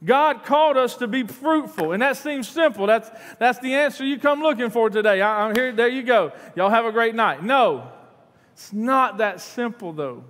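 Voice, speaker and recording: A man's voice: very high voice, animated, moderate pace, fairly bright tone. A man, preaching a sermon in earnest from a church stage. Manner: earnest, repeats words, paces the stage. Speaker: pastor. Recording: long hall reverb in a church.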